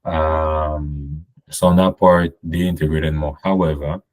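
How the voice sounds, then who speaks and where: Very deep voice, guy from cameroon chatting on a podcast, lots of um and you know. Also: fairly even intonation, takes it slowly, darkish tone. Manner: rambling, many fillers and restarts. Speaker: podcast guest. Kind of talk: casual conversation.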